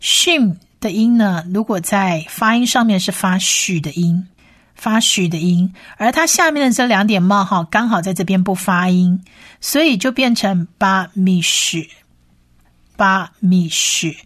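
A woman leads a recorded language lesson, sounding out each letter and syllable again and again with patient care. Her voice sits at a middle pitch. The recording is close and dry, with no room sound. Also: animated, no room sound. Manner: patient, repeats each sound slowly and clearly. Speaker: Hebrew teacher.

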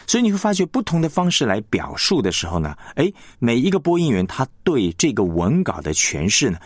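A male radio instructor explains announcing technique in a low, lively voice. He repeats key points patiently and reads sample sentences slowly, leaning on the stressed words. The sound is close and dry. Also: no echo. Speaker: broadcasting instructor.

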